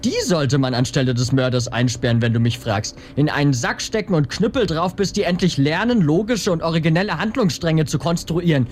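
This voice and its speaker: A man's voice: fairly high pitch, fairly quick, few pauses, a little hiss or hum, lightly acted. A man playing a dry, sarcastic, nitpicking detective's sidekick in a comic audio drama. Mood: exasperated. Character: sardonic, nitpicking, reluctant male detective's sidekick.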